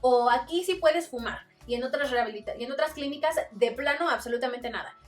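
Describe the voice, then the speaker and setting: A woman with a Mexican accent talks through a book in a relaxed vlog, dropping into quick voices for quoted exchanges. Her voice sits a little high. She is set back from the microphone, with faint music playing underneath. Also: distant mic. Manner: chatty, acts out quotes with voices. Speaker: book reviewer. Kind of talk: casual book review vlog.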